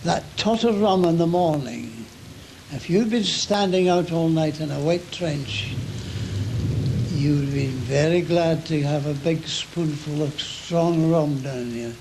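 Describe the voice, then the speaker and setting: A very elderly Englishman, a war veteran, remembering his service in an unhurried, anecdotal interview style. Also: on the high side, background noise. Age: very elderly, 90s or older. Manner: unhurried anecdotal telling, acting out remembered shouts. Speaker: First World War veteran. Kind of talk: old veteran reminiscing in an interview.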